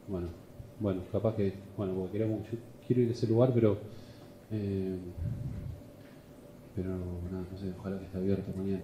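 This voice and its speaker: Fairly low-pitched and a little mellow, this Rioplatense-accented comedian jokes around and teases his audience, laughing a lot. He mixes crowd work with casual vlog talk. There's a slight hiss or hum in the recording.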